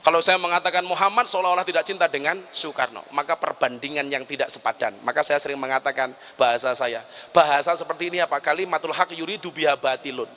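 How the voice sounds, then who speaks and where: A man's voice: on the high side, steady tone, quick pace, few pauses, bright, forceful tone, a little hiss or hum. A middle-aged man preaching a humorous sermon, full of joking asides. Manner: joking asides, then chanting and singing verses.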